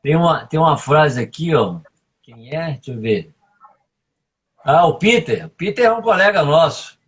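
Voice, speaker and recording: Emphatic husky man coaching. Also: on the high side, very animated, normal speed. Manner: emphatic, coaching, fond of tag questions. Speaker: guest speaker on leadership. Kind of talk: live video interview.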